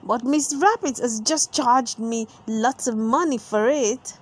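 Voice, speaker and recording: A woman's voice: on the high side, takes it slowly, husky. A woman voicing a proud, put-upon father pig in a children's storybook, earnest and slightly pompous. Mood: dismayed. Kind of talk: children's storybook read-aloud.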